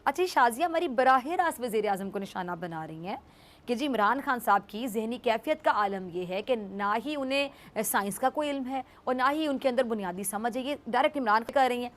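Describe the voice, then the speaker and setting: A woman delivering scripted news commentary in a formal, measured way. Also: a little high, animated.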